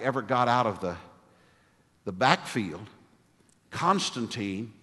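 A middle-aged pastor delivers an earnest sermon at a pulpit microphone. His voice sits at an ordinary male pitch and rings out with the long reverb of a church sanctuary. He moves easily into storytelling asides. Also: fairly bright tone.

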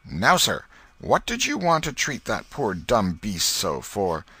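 A man voicing a scolding but soft-hearted old aunt in a storybook, folksy and exasperated, with a rustic American accent. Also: on the low side, huge pitch swings, slow, slightly rough, no echo, exaggerated voice.

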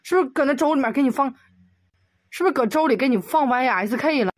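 Woman commentator, comedic exasperated rant, slightly high voice, dry close sound. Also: lively intonation, dry recording. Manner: exasperated, rapid rhetorical questions. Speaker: video commentator.

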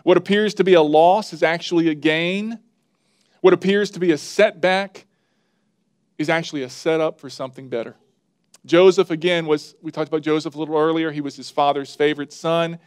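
A man's voice: on the high side, steady tone, brisk, clear, resonant tone. A man preaching a sermon as pastor, earnest and conversational, building emphasis as he makes his points.

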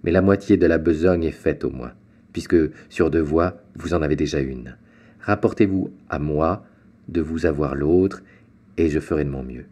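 Jovial fatherly shipowner, read by a man, very deep voice, hearty, storybook. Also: normal speed, a little mellow. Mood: paternal. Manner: hearty, paternal. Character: jovial middle-aged male shipowner.

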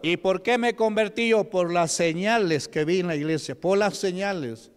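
Man, Peruvian Spanish accent, pastor, testimony sermon, questions to the congregation, smooth resonant voice, echoing church hall. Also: sits high, normal speed. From Peru. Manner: conversational, asks the congregation questions. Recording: long hall reverb.

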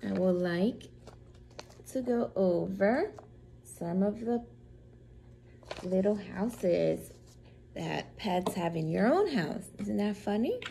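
Preschool teacher, female, slow and very melodic storytime read-aloud. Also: medium pitch, expressive, gravelly, a little hiss or hum, low-quality recording. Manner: gentle, slow, sing-song storytime delivery. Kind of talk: reading a picture book to young children.

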